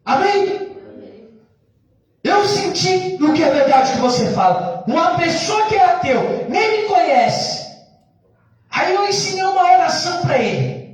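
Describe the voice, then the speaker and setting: A Brazilian pastor with a Brazilian Portuguese accent, preaching a fervent sermon and telling a story, often shouting and repeating phrases for emphasis. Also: male voice, very high-pitched, sing-song, unhurried, pauses often. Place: church hall. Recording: echoey church from far off.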